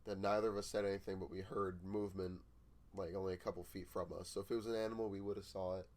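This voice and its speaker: A man's voice: low voice, fast. A young man co-hosting a podcast, telling a story in casual chat and laughing as he goes. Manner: laughing storyteller, animated retelling. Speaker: podcast co-host.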